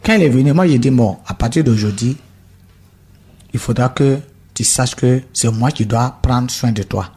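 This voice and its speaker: A man from Burkina Faso telling his conversion testimony in an interview, halting and repeating himself as he acts out the dialogue. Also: mid-range voice, mellow, breathy edge. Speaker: guest giving a conversion testimony. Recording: radio studio.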